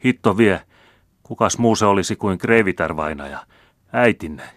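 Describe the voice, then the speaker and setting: A man doing a tense young nobleman, deep voice. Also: expressive, no echo, studio quality. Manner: clipped, tightly controlled. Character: tense young nobleman holding back anger.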